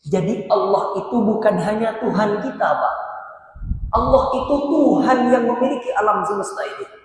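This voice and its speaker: A man's voice: high-pitched, moderate pace. A male preacher gives a sermon, asking his listeners questions and answering them himself. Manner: asks the crowd rhetorical questions and answers them. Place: large mosque hall. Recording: very echoey hall with long reverb, faint noise.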